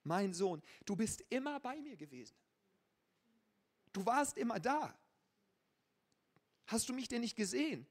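A man reading out the part of a loving father pleading gently with his son. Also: very high voice, big pitch swings, unhurried, pauses often, pitched above the performer's own voice, heavily acted. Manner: pleading and emphatic.

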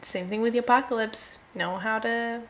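A woman's voice: a little high, steady tone, normal speed, a little hiss or hum. A young woman chatting casually with a friend, agreeable and giggly. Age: young adult. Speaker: co-host. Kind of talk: casual chat.

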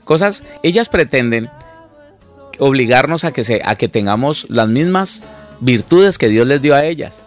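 Man talking slowly, faint music. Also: mid-range voice, expressive. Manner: acts out spouses in quoted dialogue, repeats words often. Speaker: minister, co-host.

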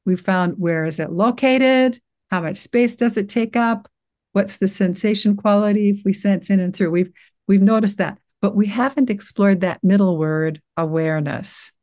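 Woman, older, gentle guide, reassuring, halting speech, unhurried. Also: mid-range voice. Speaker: guest teacher guiding a practice. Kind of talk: guided meditation walkthrough in conversation.

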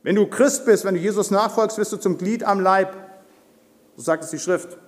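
An older man delivers a forceful, blunt sermon in a church hall. His voice sits high for a man. A long reverb trails his words through the room. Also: moderate pace. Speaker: preacher.

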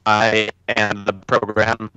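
A man's voice: lowish voice, slow pace. A man joking with his podcast co-hosts over a muffled lo-fi headset mic that makes him sound underwater. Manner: joking, deadpan comebacks. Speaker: podcast co-host. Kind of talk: casual group chat. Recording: dull lo-fi voice-chat line with faint hiss.

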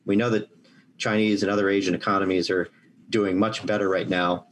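Deep-voiced American man giving analyst commentary. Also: little pitch movement, brisk, slight background noise. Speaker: market analyst on a podcast.

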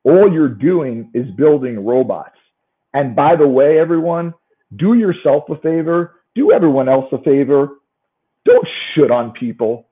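A man's voice: a little high, animated, unhurried. A man with a New York accent giving a motivational business talk as a coach, emphatic and often putting rhetorical questions to his listeners. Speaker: sales coaching speaker and trainer. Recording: thin, narrow-band phone-like sound.

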